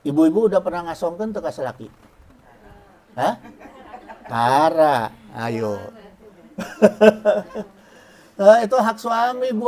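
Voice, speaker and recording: A man giving a relaxed, joking religious lecture to women, chanting Arabic phrases slowly. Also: high voice. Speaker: preacher.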